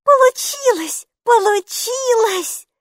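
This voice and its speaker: A woman reading an audiobook, voicing an excitable six-year-old girl in high, breathy, eager exclamations. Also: normal speed, dry recording, clean studio sound. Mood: excited.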